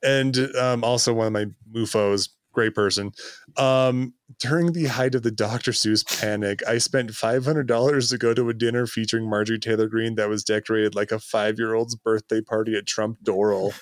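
A man's voice: fairly low pitch, steady tone, normal speed, smooth, dry recording. A man co-hosting a podcast, chatting casually and dropping sarcastic asides. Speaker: podcast co-host. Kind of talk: casual chat.

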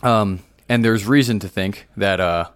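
A young American man with a fairly low voice, recorded dry. He co-hosts a casual podcast, explaining things loosely and informally with slangy, conversational phrasing. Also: a little slow, smooth, dry recording. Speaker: podcast co-host, seminarian.

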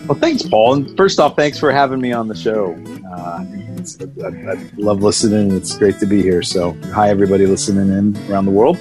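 A middle-aged American man from Atlanta, Georgia, speaks in a lowish voice, fairly quickly and with few pauses, as music plays behind him. As a guest in a casual interview, he chats in an informal, rambling, folksy way.

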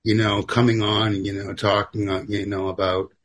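A man's voice: on the low side, flat delivery, moderate pace. A man hosting a podcast in a laid-back, casual way, with plenty of filler words. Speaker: podcast host.

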